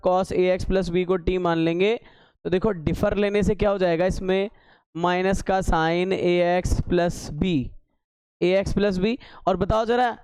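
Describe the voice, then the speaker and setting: High-voiced teasing male math teacher. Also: darkish tone, clean tone, no room sound. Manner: teasing, scolding students with sarcastic asides; works steps aloud, repeating key terms as questions. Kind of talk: classroom lecture at a board.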